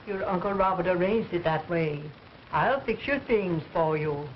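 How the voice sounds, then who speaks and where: An actress as an older housekeeper, motherly on top and guarded underneath. The delivery is early 1930s film acting. The soundtrack is muffled with clear noise. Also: fairly low pitch, a little slow, close to an everyday voice. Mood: dutiful. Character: soothing, guarded older housekeeper aunt, secretly calculating.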